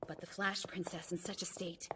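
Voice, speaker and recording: A woman's voice: lowish voice, little pitch movement, normal speed, noisy background, close to an everyday voice. A woman voicing a dragon in human form who serves her master in an anime English dub, speaking in a formal, flirty, doting way. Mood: teasing.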